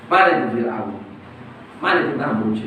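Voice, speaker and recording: A man preaching at a religious study gathering, telling stories in an animated way and joking with the audience. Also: medium pitch, moderate pace. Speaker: preacher teaching a religious text. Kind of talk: storytelling sermon at a study gathering. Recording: echoey hall, mic far off, ambient noise.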